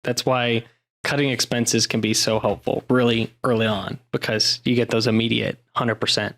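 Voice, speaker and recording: 男人，低沉气泡音，轻松给建议. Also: male voice, medium pitch, level tone, normal speed, fairly bright tone. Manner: encouraging, advice-giving with fillers. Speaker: podcast co-host. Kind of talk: casual chat.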